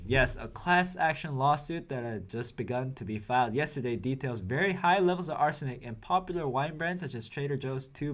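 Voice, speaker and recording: A young man reads the news in a mid-pitched voice. He mixes scripted reports with wry, editorial comments of his own, delivered like an anchor of a small online show. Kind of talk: news report with personal asides.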